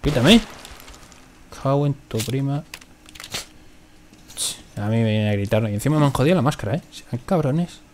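Spanish let's-play man, mid-pitched voice, jumpy and cursing, faint hiss behind. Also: moderate pace, pauses often. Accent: Spain Spanish. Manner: swears often, jumpy and excitable in fights. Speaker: gaming commentator.

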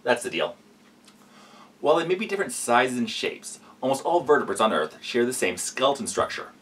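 A man's voice: mid-range voice, sing-song, brisk, fairly bright tone, far from the mic, slight background noise. A man hosting a reaction video, giving sarcastic, explanatory commentary.

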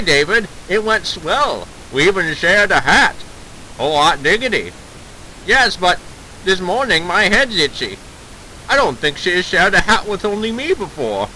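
Chipper 1930s gossip guy, put on by a man, raised pitch, loud, old-timey delivery, hissy mic. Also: exaggerated voice, low-quality recording. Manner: exaggerated old-timey mid-Atlantic delivery. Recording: hissy vintage carbon mic.

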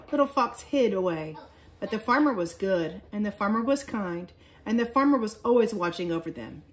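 Woman reading a children's story aloud. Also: fairly high pitch. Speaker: children's chapel leader.

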